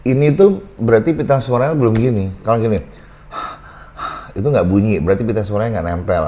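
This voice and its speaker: A relaxed male voice coach with a somewhat low voice, talking casually and demonstrating technique. He often drops into soft, quiet examples to show a point, then returns to normal chat. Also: fast.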